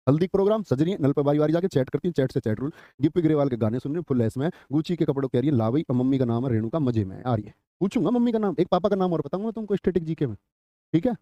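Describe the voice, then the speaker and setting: A man's voice: on the high side, expressive, rapid-fire, mellow, no echo. A male teacher giving a live online exam class, drilling memory tricks, calling students brother and scolding them with a joke. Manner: scolding then joking, calls students brother. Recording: dull lo-fi dry sound.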